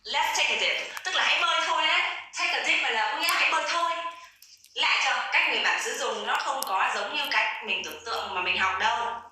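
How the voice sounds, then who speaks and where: A young woman teaching an online English lesson, explaining words and slowly modeling pronunciation. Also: sits high, pushed and bright, distant mic, a little hiss or hum. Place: room at home, neighbors noisy. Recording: echoey room, voice off-mic.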